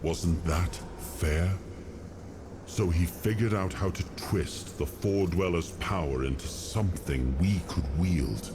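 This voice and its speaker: A man's voice: low-pitched, slow, background noise. An actor playing a weary, burdened noble king in a video game cutscene, speaking with grave, solemn deliberation. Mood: somber, reflective. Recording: loud music behind the voice. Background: music.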